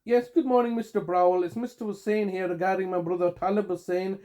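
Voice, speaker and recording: A man with a high-pitched voice leaving a long voicemail. He sounds aggrieved and accusatory, and he keeps breaking off and restarting his sentences as he presses his complaint. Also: little pitch movement, fast, dark tone. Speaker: caller.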